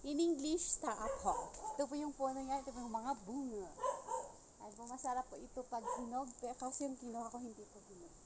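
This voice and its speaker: A woman vlogger from the rural northern Philippines, a non-native Tagalog speaker with a regional accent, talking casually and politely in halting Tagalog mixed with English. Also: high-pitched. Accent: Igorot-region Philippine accent. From rural Ilocos Sur, Philippines. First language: an Igorot language of the northern Philippines. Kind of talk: casual walking vlog tour. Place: outdoors in a rural village. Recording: noisy outdoor recording with insects and animals.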